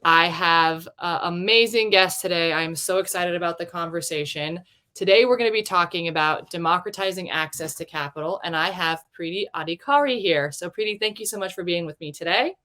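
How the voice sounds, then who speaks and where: A woman's voice: fairly low pitch, fairly quick, sharp tone. A woman hosting an interview show, upbeat and full of praise for her guest, talking over a video call. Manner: enthusiastic, effusive with praise. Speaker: host.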